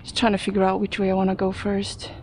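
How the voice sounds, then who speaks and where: A young adult woman, an urban explorer vlogger, talks casually to her handheld action camera while exploring an abandoned steel factory, both inside and outside, thinking aloud in fragments. Her mid-range voice is monotone, quick, and darkish in tone. The camera's audio is noisy.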